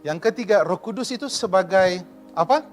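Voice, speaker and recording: A man, a pastor giving a lively sermon in church and asking the congregation questions. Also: sits high, fairly quick, faint music behind. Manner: lively preaching, asks the congregation questions, mixes in English.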